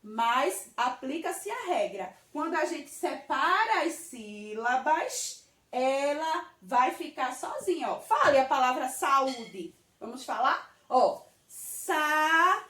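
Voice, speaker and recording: Brazilian Portuguese woman teacher, slow and patient with kids, in a roomy space away from the mic. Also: high voice, very animated, fairly bright tone. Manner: slow, patient, checks in with "tá certo?". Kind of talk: children's grammar lesson. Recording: roomy, from a distance.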